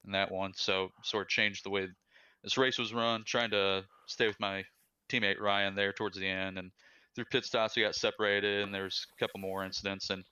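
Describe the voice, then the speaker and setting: A man, a race driver, giving a relaxed post-race interview over voice chat. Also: fairly low pitch, normal speed, clean tone.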